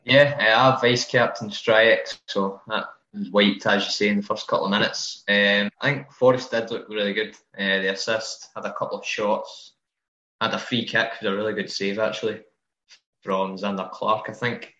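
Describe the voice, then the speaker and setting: A man co-hosting a casual fantasy football podcast, relaxed and hedging his picks. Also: on the low side, normal speed. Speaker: podcast co-host. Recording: roomy, dull lo-fi audio.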